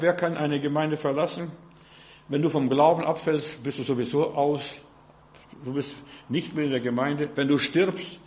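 A man's voice: on the high side, a little mellow, lo-fi sound. An older man preaching as a pastor, emphatic and peppered with rhetorical questions to his listeners. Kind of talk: sermon.

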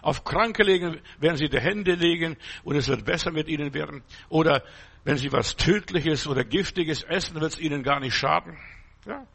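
A man's voice: a little high, normal speed, creaky, fairly bright tone, breathy edge. A man preaching an emphatic sermon, repeating his points and quoting scripture.

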